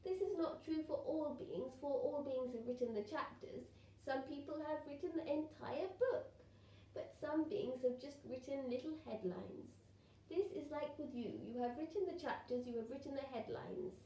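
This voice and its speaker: A woman's voice: high-pitched, normal speed, dark tone. A woman speaking as a trance seance medium, delivering spirit messages in ceremonial, formal phrasing as a collective spirit. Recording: roomy echo, distant mic, faint noise.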